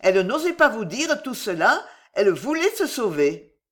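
Une femme qui joue une jeune femme de chambre rusée, volubile et enjôleuse, qui plaide avec aplomb. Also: female voice, fairly high pitch, sing-song, normal speed. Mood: enjôleur. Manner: voluble, wheedling, theatrical. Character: young cunning female chambermaid, glib and persuasive.

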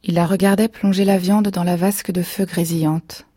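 Woman narrator, whispered story reading, soft and slow, breathy, dry close sound. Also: fairly low pitch, flat delivery, dry recording.

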